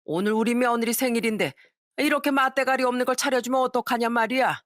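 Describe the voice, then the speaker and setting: A woman acting out an old father-in-law in a storybook tale, scolding his wife over money in a pitched-up, raised voice. He nags and barks without letting up. The sound is dry and close. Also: fast, dry recording, lightly acted. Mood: angry scolding. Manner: scolding, berating, shouting. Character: angry stingy father-in-law in his sixties.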